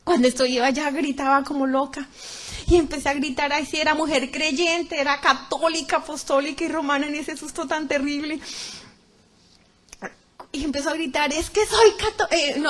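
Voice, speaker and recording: A high-voiced middle-aged woman with a Colombian accent tells her religious testimony to a gathered congregation. Her delivery is fervent and dramatic, surging into loud cries and then dropping to hushed, quiet tones. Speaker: testimony speaker.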